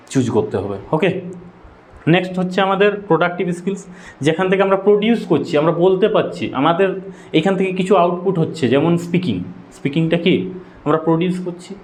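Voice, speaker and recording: A man's voice: fairly high pitch, darkish tone. A man with a Bengali accent giving an exam-prep lecture, asking questions and answering them himself, correcting his own slips aloud. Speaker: teacher.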